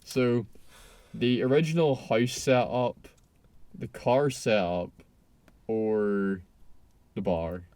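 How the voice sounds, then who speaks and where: A man's voice: on the low side, slow pace, pauses often, a little mellow, no room sound. A man co-hosting a casual podcast from a parked car, laughing often and repeating himself. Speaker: podcast co-host. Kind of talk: casual chat.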